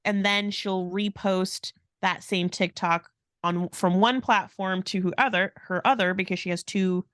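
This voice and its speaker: A woman co-hosting a podcast, telling events in a lively, casual way and imitating other people's voices. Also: mid-range voice, gravelly, no room sound, studio quality. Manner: animated storytelling, mimics others' voices. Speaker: podcast co-host.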